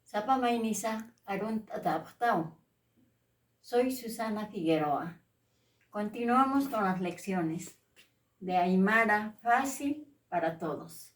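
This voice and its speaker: A woman teaching a language lesson, pronouncing each word slowly and repeating it for learners. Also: medium pitch, animated, recorded from a distance. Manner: slow, deliberate pronunciation with drills. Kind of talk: slow spoken language lesson with repeated words.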